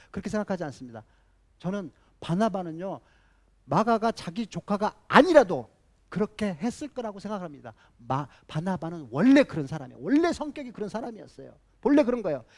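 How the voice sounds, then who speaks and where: A man's voice: sits high, darkish tone. A man preaching a sermon as a pastor, emphatic, repeating key phrases and putting rhetorical questions to the congregation.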